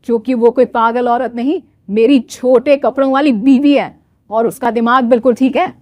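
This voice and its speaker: A woman's voice: fairly high pitch, level tone, a little fast, dry recording, natural voice. Woman voicing an exasperated young husband. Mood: defensive.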